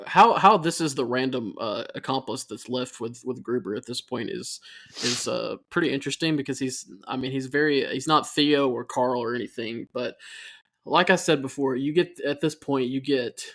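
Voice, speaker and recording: A man's voice: mid-range voice, normal speed, a bit bright. A man co-hosting a casual movie podcast, rambling, laughing often and losing his train of thought. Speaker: podcast co-host.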